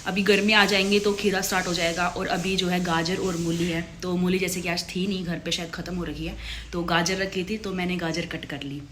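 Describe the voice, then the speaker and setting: A young woman vlogging casually at home, chatty and quick, forever calling her viewers "guys". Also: lowish voice, level tone, fairly bright tone, slight background noise. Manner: fast-talking. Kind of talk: casual vlog chat to camera. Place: at home and outside in the street.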